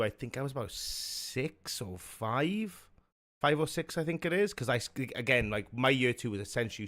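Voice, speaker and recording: A young man from South Wales hosts a live stream, chatting casually in a rambling way. His medium-pitched voice has a sharp tone and a South Welsh accent. He swears a lot and uses many fillers and restarts.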